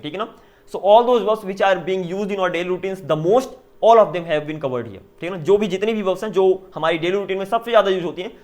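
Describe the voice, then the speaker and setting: High-voiced Indian English teacher drilling. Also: male voice. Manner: drills Hindi-English sentence pairs, switching languages, with frequent "ठीक है ना?". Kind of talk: online spoken-English lesson.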